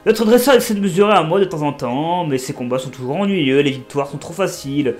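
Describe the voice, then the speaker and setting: A man's voice: a little high, animated, a little fast, soft background music, natural voice. A man reading out the lines of a bored, arrogant male gym leader from a video game. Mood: bored, cocky. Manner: reading game dialogue aloud.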